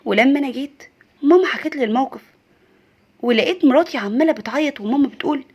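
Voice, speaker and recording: A woman's voice: high voice, quick pace, a little mellow, breathy edge, muffled recording. Earnest young Egyptian husband telling a family story, narrated by a woman. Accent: Egyptian Arabic.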